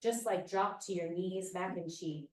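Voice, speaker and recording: Lowish woman, measured poetry reader, roomy and off-mic. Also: darkish tone, far from the mic. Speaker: club member reading her poem. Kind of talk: poetry reading and casual chat. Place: meeting room. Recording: echoey room, voice from off-mic.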